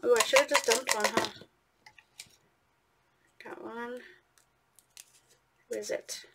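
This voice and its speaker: A woman's voice: fairly high pitch, fairly even intonation, takes it slowly, very noisy. A woman hosting a casual giveaway announcement, chatting informally and speaking straight to her viewers. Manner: chatty, informal, addressing viewers directly as "you guys". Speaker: host of an art channel giveaway. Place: indoors at a craft table, overhead camera.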